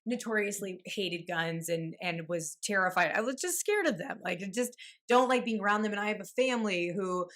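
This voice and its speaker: A woman in her thirties, co-hosting a podcast, telling stories in a lively casual way with swearing and laughs. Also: mid-range voice, moderate pace. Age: 30s. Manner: animated storytelling, swearing and laughing. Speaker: podcast co-host. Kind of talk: casual chat.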